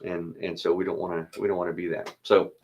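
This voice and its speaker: Male pastor, low register, relaxed conversational delivery with brief prayer. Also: fast. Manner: easygoing, thinks aloud, chuckles between thoughts. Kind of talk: casual chat and spoken prayer.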